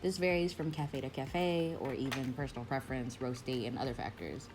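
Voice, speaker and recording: A woman's voice: rumbling low, brisk, noisy background. A young woman narrating a casual vlog as a barista, chatty and slangy, often joking about herself. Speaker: barista vlogger.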